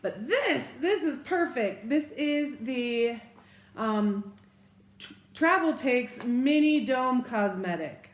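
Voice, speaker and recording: A chatty woman talks through her things in an unhurried, casual way, pointing out each detail as she goes. Her voice sits at an ordinary middle pitch. The room around her gives a noticeably roomy echo. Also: a little hiss or hum. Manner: chatty, unhurried, describing items step by step. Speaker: vlogger. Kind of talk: casual bag show-and-tell.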